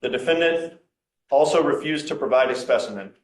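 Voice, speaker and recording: A man's voice: mid-range voice, fairly quick. A man formally reading out probable cause reports in a courtroom, in a matter-of-fact way. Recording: echoey courtroom sound.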